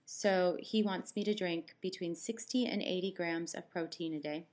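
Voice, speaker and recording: A woman's voice: fairly low pitch, steady tone, normal speed, darkish tone. A woman with a dry mouth, recovering after surgery, chatting casually to camera in a rambling, anecdotal way. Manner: rambling, anecdotal, acts out quoted exchanges. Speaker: vlogger. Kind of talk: casual chat to camera, personal storytelling.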